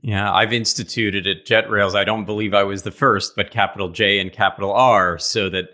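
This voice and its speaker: A man's voice: fairly low pitch, steady tone, moderate pace, sharp tone. A man with a New York accent hosting a podcast, asking questions in a chatty way with joking asides. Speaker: podcast host. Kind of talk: casual podcast interviewing.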